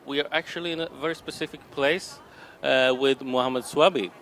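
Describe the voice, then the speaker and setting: A man's voice: mid-range voice, steady tone, brisk, a bit bright, a little hiss or hum. A man from Sweden asking polite, brief interview questions.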